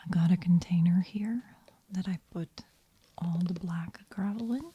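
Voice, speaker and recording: A woman hosts soft-spoken ASMR in a hushed voice that is very breathy and whispery. She talks slowly in a gentle murmur, with a fairly low pitch. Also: highs cut off. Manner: slow, unhurried, gentle murmur. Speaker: ASMR host.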